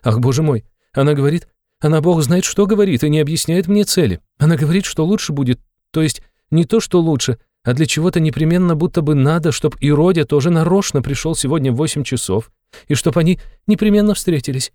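A man reading an audiobook, voicing a flustered, tearful aging mother in a high, breathless voice. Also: warm tone, no room sound, clean studio sound, close to an everyday voice. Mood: anxious. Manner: breathless, rushed, exclamatory.

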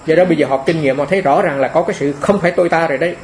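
A man's voice: fairly high pitch, rapid-fire, a little hiss or hum, low-quality recording. A man giving a dharma talk as a monk, homely and repeating phrases for emphasis.

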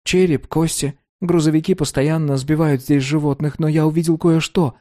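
In an audiobook, a man voices a fifteen-year-old boy who is anxious, eager and obsessed with vampires. The voice is high, pleading and breathless yet close to an everyday voice, earnest in mood, rushing the words and climbing in pitch when excited.

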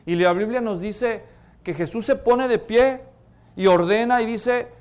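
A preacher with a high-pitched voice delivers a sermon in a dramatic storytelling manner. He acts out the voices of the people in his story and then drops to a quieter tone to stress his main points. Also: unhurried, smooth.

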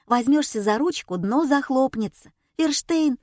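A woman's voice: high voice, animated, unhurried, dark tone, no echo, clean studio sound, voice pushed up. Brief: a woman as a curt male backstage hand hissing orders, storybook reading. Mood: urgent hissing. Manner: hissed whispered commands.

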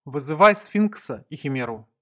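Guy reading as a curt hero barking orders, lively voice. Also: on the high side, normal speed. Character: terse man, first-person hero.

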